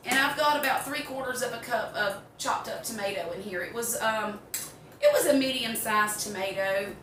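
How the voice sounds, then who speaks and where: An older woman from the American South gives a cooking demonstration at home, chatting in a relaxed, folksy, rambling style. She has a fairly high pitch, a slightly bright tone, and an animated delivery at a moderate pace. The kitchen recording is roomy and distant, with background noise.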